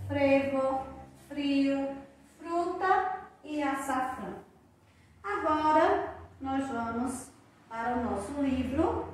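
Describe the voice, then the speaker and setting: A woman teacher with a Brazilian Portuguese accent giving a slow, patient literacy lesson to young children, sounding out syllables one by one. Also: sits high, slight background noise. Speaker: primary school teacher. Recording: very echoey room, voice from a distance.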